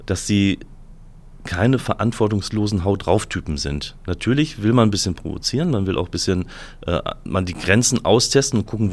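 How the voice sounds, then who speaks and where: A man, a museum director, answering interview questions thoughtfully, with many hesitations and fillers. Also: fairly low pitch.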